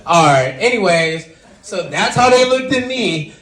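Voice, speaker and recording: A young man telling a stand-up story with a fairly high voice that leaps up when he acts out other people. His voice carries a roomy echo. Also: unhurried. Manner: animated, acts out quotes with big pitch jumps. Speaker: stand-up comedian.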